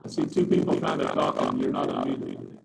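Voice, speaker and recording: Group leader, male, gravelly; video call with glitching, underwater-sounding garbled audio. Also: rumbling low, wildly swooping pitch, fairly quick, distant mic. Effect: garbled, underwater-sounding glitching mic audio. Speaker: Bible study group leader. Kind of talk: leading an online group discussion.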